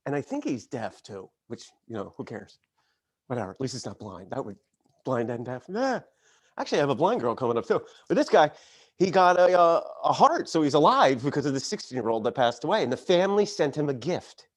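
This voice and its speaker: Animated talk-show host man. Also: a little fast. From Connecticut, US. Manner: animated, laughs often, jumps in pitch. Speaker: late-night show host. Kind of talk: casual monologue. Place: home studio, live stream.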